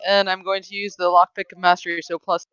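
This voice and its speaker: A player in an online tabletop game talks in a bright, smooth voice, sounding wry and a little reluctant. The audio is dry, and the mic is dull and lo-fi. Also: mid-range voice, flat delivery, quick pace, dry recording. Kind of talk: casual game chat.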